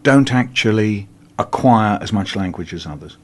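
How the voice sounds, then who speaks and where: A man's voice: on the low side, lively intonation, normal speed, a little mellow. An older man, working as a radio presenter, narrating and interviewing on location.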